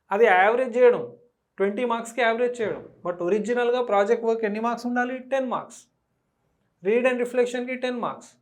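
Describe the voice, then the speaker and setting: A teacher giving an exam-prep lecture, explaining each point step by step, asking the class questions and reading out English question text slowly. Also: mid-range voice.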